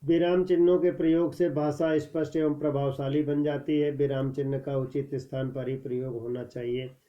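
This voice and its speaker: Man, teacher, slow scripted lesson, slightly high voice, louder headings, softer examples, muffled lo-fi recording. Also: flat delivery. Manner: measured, announces each heading louder then reads examples more softly. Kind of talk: scripted Hindi grammar lesson. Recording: dull lo-fi recording.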